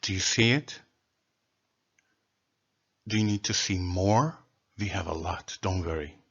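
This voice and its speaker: Slow husky man. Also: low-pitched, a bit bright, highs cut off. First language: Turkish. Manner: slow, deliberate, lists words one by one. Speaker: presenter of a language theory. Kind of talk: solo explanatory lecture.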